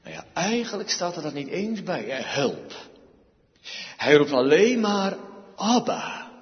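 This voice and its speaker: Male pastor, sermon, slow deliberate delivery, somewhat high voice, repeats key words, rhetorical questions, long church reverb, dull lo-fi recording. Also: very animated.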